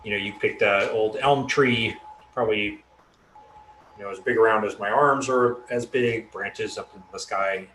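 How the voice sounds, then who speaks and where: A man casually narrating a tabletop game as game master, in a halting, improvised way. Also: lowish voice, fairly bright tone, roomy sound, a little hiss or hum, rough recording.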